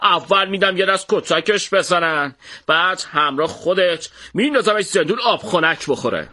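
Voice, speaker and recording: A man voicing a hot-tempered, bullying male shopkeeper in an audiobook, with a shouting, threatening delivery. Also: high voice, lively intonation, voice pushed up. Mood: furious, threatening. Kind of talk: audiobook character voice.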